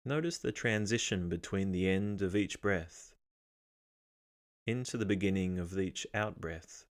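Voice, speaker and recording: A man with a fairly low voice guides a meditation, calm and measured. He gives gentle instructions one step at a time and pauses between phrases.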